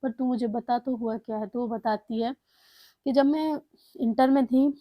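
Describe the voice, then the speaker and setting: A woman's voice: fairly high pitch, steady tone, moderate pace, no room sound, muffled recording. A woman casually telling a family story, retelling the dialogue in her plain voice with fillers and restarts.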